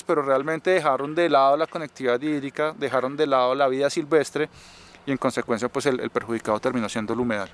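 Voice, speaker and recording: A man's voice: on the high side, smooth. A man giving an explanatory interview for a documentary. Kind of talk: informal expert interview. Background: music.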